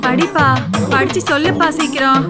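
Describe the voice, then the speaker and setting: An actress playing a loud village woman who keeps urging someone to read. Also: high voice, normal speed, lightly acted. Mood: insistent. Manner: urging, insistent. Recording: film soundtrack with loud music.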